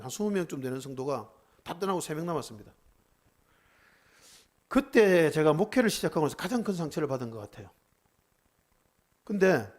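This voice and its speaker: Lively Korean pastor preaching. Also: male voice, fairly high pitch. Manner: earnest, conversational preaching with rhetorical questions. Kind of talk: sermon at a seminar. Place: church.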